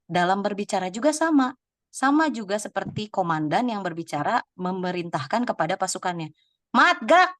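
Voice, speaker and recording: A woman's voice: mid-range voice, lively intonation, brisk. A woman giving a webinar to teachers over a video call, chatty and laughing often as she calls on participants by name. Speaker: webinar presenter. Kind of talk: lively teaching talk to teachers.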